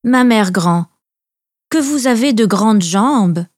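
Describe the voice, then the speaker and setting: A woman's voice: on the high side, expressive, takes it slowly, a little mellow, no echo, studio quality. A woman voicing an innocent, trusting little girl in a storybook reading, polite and naive. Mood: wondering.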